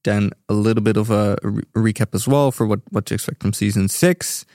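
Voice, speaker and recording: Chill podcast host guy, lowish voice, dry mic. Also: brisk, warm tone, no room sound. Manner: easygoing, moderating the chat. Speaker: podcast host, community manager. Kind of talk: casual podcast hosting.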